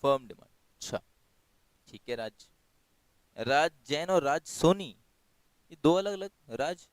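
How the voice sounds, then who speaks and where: Hoarse teacher with a clear, dry voice. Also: male voice, a little high, expressive, dry recording, rough recording. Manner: reads questions slowly, explains quickly in mixed Hindi and English. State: sore throat, clearing it often. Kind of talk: online multiple-choice class. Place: home.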